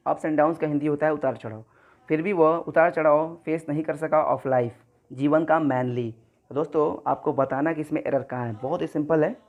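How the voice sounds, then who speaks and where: A male teacher giving an exam-prep grammar lesson, explaining each question step by step and often addressing his viewers as friends. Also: a little high.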